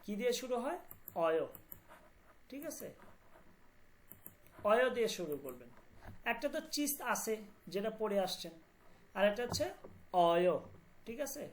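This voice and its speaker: A woman teaching a language class online, explaining words slowly and often asking whether students follow. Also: medium pitch, very animated, slight background noise. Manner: repeats words and checks understanding often.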